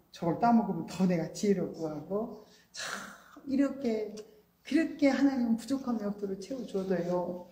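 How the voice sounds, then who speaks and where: A woman's voice: medium pitch, warm tone. A woman preaching a sermon in an emphatic way, acting out quoted lines with a rising voice. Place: church sanctuary. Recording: roomy church echo.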